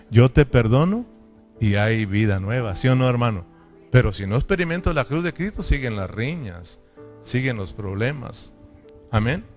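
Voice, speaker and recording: Emphatic pastor preaching. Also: male voice, medium pitch, darkish tone. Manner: emphatic preaching with repeated call-and-response questions. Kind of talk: sermon.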